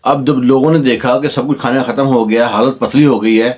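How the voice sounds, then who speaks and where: Speaking with a Pakistani Urdu accent, a man tells a long village story conversationally, briefly voicing the characters as he acts out their dialogue. His mid-range voice is level in tone and a little mellow.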